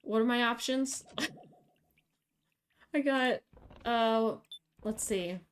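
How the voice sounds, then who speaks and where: Streamer, woman, slightly high voice, anxious and indecisive, commentating her own play. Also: very slow, clean tone. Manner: anxious, dithering over choices. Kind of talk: game let's play commentary.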